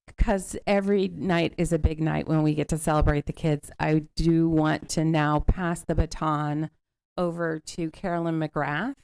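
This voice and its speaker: A woman with a low, gravelly voice introduces the next presenter at a school board meeting. Her tone is upbeat and informal. The sound is close and dry. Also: darkish tone, dry recording. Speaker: meeting presenter handing over.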